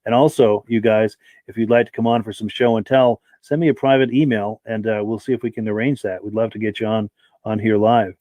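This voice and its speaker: This live podcast host has a fairly low, dark voice, a steady tone and a fairly quick pace, recorded without echo. Working through the stream chat, he reads viewers' comments and thanks each one by name, though his throat is dry and he's losing his voice.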